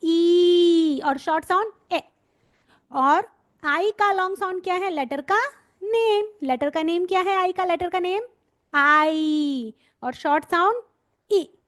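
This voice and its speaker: Slow, high-voiced woman teaching phonics. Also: a bit bright, no room sound, studio quality. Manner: slow, drawn-out letter sounds with repetition. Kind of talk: explanatory lesson for parents and teachers.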